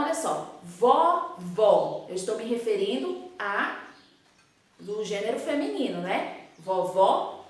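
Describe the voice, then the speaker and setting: Brazilian woman teacher, fairly high voice, patient and playful, very echoey room. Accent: Brazilian Portuguese. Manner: patient, explains slowly with many tag questions. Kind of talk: recorded classroom lesson for children.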